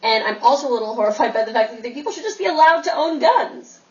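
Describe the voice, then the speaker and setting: A rambling, self-absorbed young writer, hedging every point with little fillers. Her voice sits a touch high and comes from a distance on a dull TV soundtrack. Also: animated, fast talker. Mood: lecturing. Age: young adult. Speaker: aspiring writer girlfriend.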